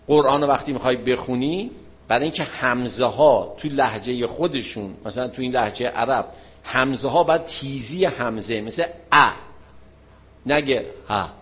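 A man giving an informal religious lesson, explaining points and asking and answering his own questions. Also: medium pitch. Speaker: religious teacher.

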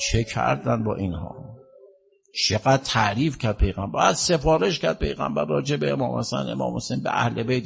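Man, husky voice, mourning sermon, lamenting drawn-out delivery. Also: medium pitch. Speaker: religious eulogist.

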